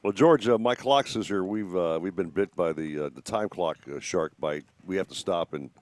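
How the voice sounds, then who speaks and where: A man's voice: deep voice, moderate pace, a little mellow. Laid-back male radio host. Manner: easygoing, joking banter. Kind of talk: casual radio chat.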